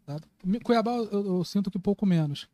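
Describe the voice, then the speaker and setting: This high-voiced man from Rio de Janeiro, Brazil, has a Carioca accent and talks at a normal speed with a dark tone. He speaks informally and with strong opinions in a casual podcast conversation, swearing now and then, and there's no echo.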